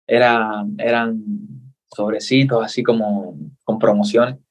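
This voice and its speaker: A man's voice: on the low side, measured pace. A young man from Cuba with a Cuban Spanish accent, a guest in a casual interview, telling his story earnestly and acting out the voices of the people in it. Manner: earnest, animated storyteller, acts out dialogue.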